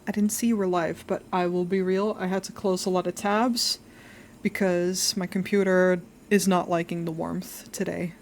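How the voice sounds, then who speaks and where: A woman's voice: lowish voice, level tone, moderate pace, slight background noise. A woman chatting casually on a livestream as host, in a cute, friendly anime-streamer manner that welcomes viewers. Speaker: livestream host, VTuber artist. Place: living room at home.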